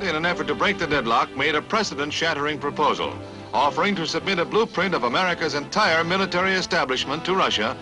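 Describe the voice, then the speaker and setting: A man's voice: on the high side, rough recording. A man narrating a 1950s newsreel in a punchy, dramatic announcer style, dropping wry quips between the headlines. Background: music.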